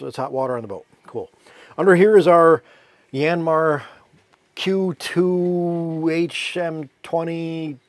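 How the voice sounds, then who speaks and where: A man's voice: medium pitch, dry recording. A man giving a casual, rambling walkthrough of his sailboat's cabin, with fillers and self-corrections. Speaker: sailboat owner giving a tour.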